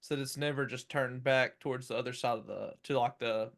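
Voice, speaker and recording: A man giving casual sports commentary as a football film analyst, with hesitant, halting phrasing. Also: mid-range voice, steady tone, creaky, fairly bright tone.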